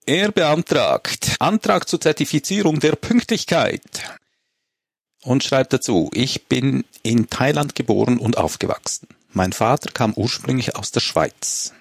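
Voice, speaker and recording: A man, talking calmly as a guest on a comedic panel show. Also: mid-range voice, measured pace, gravelly, breathy edge, no echo, studio quality. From Switzerland. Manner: relaxed, reads a letter aloud.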